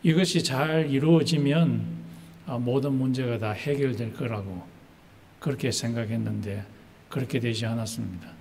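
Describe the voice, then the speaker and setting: A male pastor preaching a sermon slowly and deliberately, pausing often with "uh" fillers. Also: mid-range voice, darkish tone. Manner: slow, deliberate preaching with many pauses and "uh" fillers. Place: church sanctuary. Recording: church hall reverb, faint noise.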